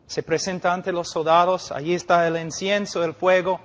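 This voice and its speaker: Middle-aged man preaching, impassioned, loud then hushed, fairly high voice, long hall reverb. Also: flat delivery, moderate pace. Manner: impassioned, swinging from loud declarations to hushed emphasis; rhetorical questions and vivid storytelling. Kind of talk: sermon.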